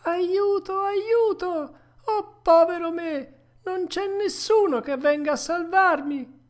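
A woman voicing a frightened, whiny wooden puppet boy, reading a storybook aloud in a shrill, tearful manner. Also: very animated, measured pace. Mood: panicked.

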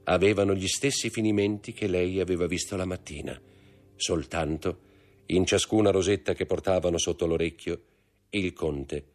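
A man narrating an audiobook in an expressive, theatrical way. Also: low voice. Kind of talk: audiobook reading.

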